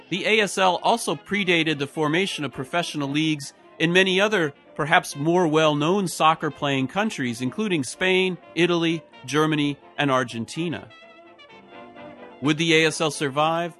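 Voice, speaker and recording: A man's voice: fairly high pitch, a bit bright. A man reading a scripted history narration as a podcast host. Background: music.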